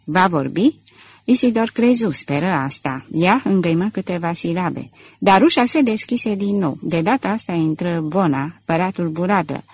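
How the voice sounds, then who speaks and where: A woman narrating a classic adventure novel for an audiobook in a measured, dramatic way. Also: on the low side, lively intonation, a little mellow, breathy edge. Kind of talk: scripted narration.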